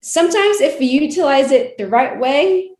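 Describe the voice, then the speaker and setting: A woman's voice: high voice, animated, normal speed, a little mellow. A woman chatting casually as an interview guest, giggly and often saying "like" and "you know". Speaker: guest, wrestling ring announcer and reporter. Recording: roomy, echoey sound.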